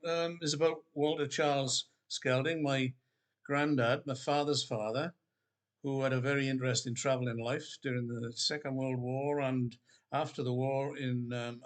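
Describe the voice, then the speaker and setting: An older man speaks in a relaxed, meandering way. He fills his talk with ums and restarts, like an author talking about his own work. His voice sits at an ordinary middle pitch. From Wales. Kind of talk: casual spoken book promotion. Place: Queensland, Australia.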